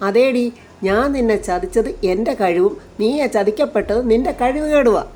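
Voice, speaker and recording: A woman's voice: on the high side, normal speed, darkish tone, a little hiss or hum, lightly acted. A woman voicing a scheming, mocking middle-aged woman in a retold serial, with a taunting manner. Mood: gloating. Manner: taunting, gloating.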